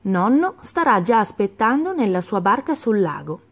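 A woman's voice: mid-range voice, sing-song, moderate pace, breathy edge. Woman doing a cheerful father goose. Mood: encouraging.

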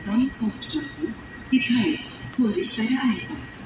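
A woman making scripted train platform announcements in a flat, measured manner, heard over a station loudspeaker. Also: fairly high pitch, lo-fi sound, noisy background. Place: large train station hall, heard over public address. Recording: echoey station loudspeaker from far off.

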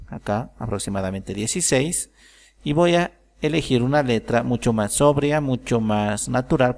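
A man calmly explaining a software tutorial step by step, thinking aloud as he works. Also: mid-range voice. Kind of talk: screen-recorded software tutorial.

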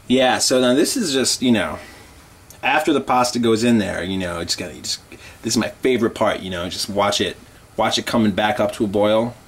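A young composer hosts a joking home cooking show in a small indoor kitchen with a brick wall, rambling in a mock-earnest, tongue-in-cheek way with lots of fillers. His voice is on the low side and fairly quick.

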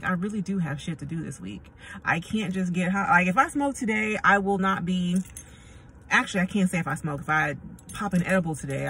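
A woman's voice: fairly low pitch, fairly bright tone. A middle-aged American woman giving a casual, rambling talk to camera in a blunt, slangy, conversational way. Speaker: vlogger. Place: inside a car. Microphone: phone at arm's length. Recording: distant mic, noisy car ambience.

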